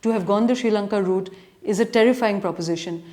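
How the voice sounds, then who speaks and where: A woman's voice: mid-range voice, fast talker, a little mellow. Articulate Indian woman giving earnest commentary. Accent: educated urban Indian. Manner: articulate, earnest, argumentative, with long considered sentences. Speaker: journalist and editorial commentator. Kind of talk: answering reader questions in spoken editorial commentary.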